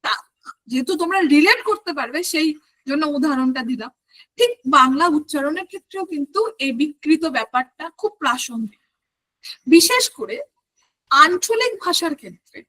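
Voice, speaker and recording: A woman teaches an online exam-prep class. Her voice sits high and rings bright as she walks through each point and keeps asking her students questions. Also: big pitch swings, moderate pace. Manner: explains step by step, asks the class questions.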